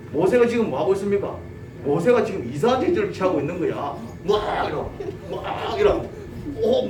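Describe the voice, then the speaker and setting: A male pastor with a Gyeongsang accent preaching a sermon, telling the story lively and asking his congregation questions. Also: sits high. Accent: Gyeongsang Korean. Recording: roomy church audio from a distance, faint noise.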